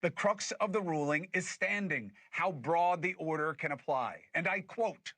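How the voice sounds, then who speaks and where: Male host doing a political rant, bright sharp voice, emphatic, dry close sound. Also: fairly high pitch, measured pace, no room sound. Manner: emphatic and animated, with scornful laughs. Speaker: podcast host. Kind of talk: political commentary.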